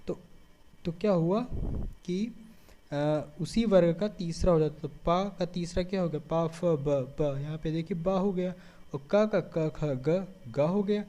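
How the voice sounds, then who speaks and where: A man teaches a grammar lesson step by step. His voice sits a little high but has a mellow, warm tone. He keeps asking questions and answering them himself, and often checks in with short words. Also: a little slow. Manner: frequent checking fillers. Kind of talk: board-style grammar lesson.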